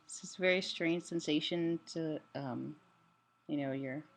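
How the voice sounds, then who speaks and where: A woman giving a casual personal update in a halting way, her voice limited in range and altered by a sore, swollen throat after surgery. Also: low voice. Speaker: vlogger sharing a health update. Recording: clearly noisy room ambience.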